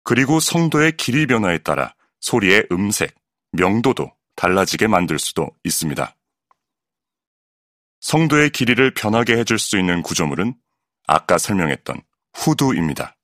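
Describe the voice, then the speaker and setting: A man, a professional voice actor, reading an educational audiobook in a clear, measured, explanatory way, close on a studio microphone. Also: fairly low pitch, big pitch swings, a bit bright, no echo. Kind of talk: scripted educational narration.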